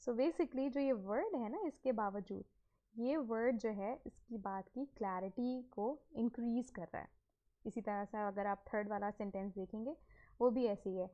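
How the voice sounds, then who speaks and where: A woman with a fairly high-pitched voice explains a slide lesson, mixing English phrases into Urdu and asking and answering her own questions. The recording is muffled.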